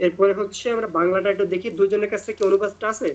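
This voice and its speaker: A man's voice: high-pitched, little pitch movement, a little hiss or hum. Man tutoring over muffled call audio. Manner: explains slowly with many fillers, reads out English points then explains them. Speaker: literature tutor. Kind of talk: online class lecture.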